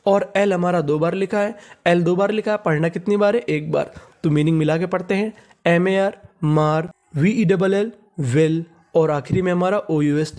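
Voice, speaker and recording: Guy teaching english words, spells them out, keeps asking what do we read, kinda high voice. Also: darkish tone. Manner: repeats each word and asks "what do we read?".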